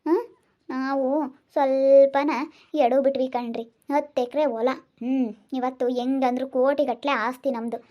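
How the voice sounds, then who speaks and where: A woman's voice: sits high, steady tone, measured pace, highs cut off. A woman, acting a worried village wife who consoles a relative with resigned rhetorical questions. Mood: consoling. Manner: soothing yet resigned, repeats rhetorical questions. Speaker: actor in a village family drama. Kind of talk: amateur family drama acting.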